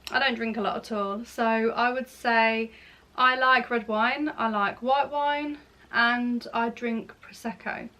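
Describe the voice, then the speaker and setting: A woman of thirty answers viewer questions in a relaxed vlog. Her voice sits a little high, and she rambles and restarts her sentences as she chats. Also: slow pace. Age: 30s. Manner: rambling, self-correcting, chatty. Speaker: beauty and lifestyle vlogger. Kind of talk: casual Q&A chat to camera.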